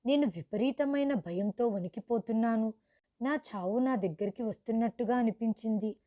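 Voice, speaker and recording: A woman reading a first-person story aloud in an earnest, steady way. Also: fairly high pitch, moderate pace, lo-fi sound.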